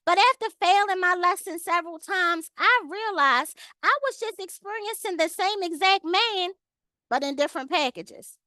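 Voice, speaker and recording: A woman with a high, light voice teaches a Bible study over a video call. She reads the verses steadily and then speaks directly to the women in the group, calling on them by name. The sound is dry, with no room echo. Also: normal speed, bright, forceful tone. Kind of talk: online Bible study lesson.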